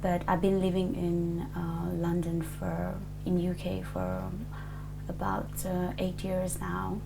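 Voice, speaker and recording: A woman's voice: on the low side, monotone, slow pace, gravelly, background noise. A woman in her twenties from Nepal, answering an oral history interview hesitantly, with many fillers and restarts. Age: 20s.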